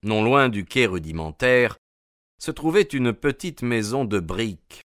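A man narrating a classic detective novel in an audiobook, measured and expressive. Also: mid-range voice, dry recording, studio quality. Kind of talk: scripted literary narration.

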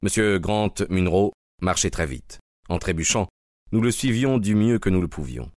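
Low-voiced man narrating an audiobook. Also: expressive, moderate pace, soft background music.

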